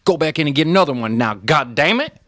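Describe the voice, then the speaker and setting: A man voicing a loud, cursing Southern auctioneer with a put-on twang, reading a barbershop ad. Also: on the high side, lively intonation, fast talker, no room sound, clean studio sound, pitched above the performer's own voice. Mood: rowdy. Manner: rowdy, swearing, drawling sales patter.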